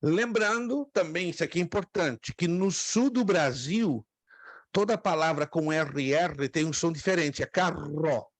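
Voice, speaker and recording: Patient Brazilian teacher with a dry voice. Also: male voice, fairly high pitch, no echo. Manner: explains patiently, repeats words slowly, asks the class questions. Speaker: theology teacher. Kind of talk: classroom lecture. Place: classroom with students.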